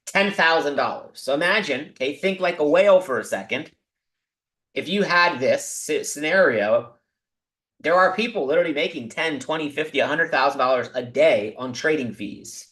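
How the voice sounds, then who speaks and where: Excitable man hosting a crypto stream. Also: mid-range voice, reverberant, low-quality recording. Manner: excitable, talks to viewers directly with many asides. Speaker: crypto livestream host. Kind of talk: casual livestream talk about investing.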